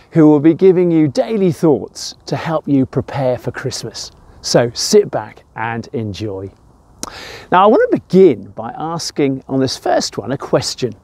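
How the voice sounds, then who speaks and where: This church devotional presenter is an older man with an English accent, talking informally and emphatically while sharing stories from his own life. The voice is medium-pitched and mellow, captured in a dry recording.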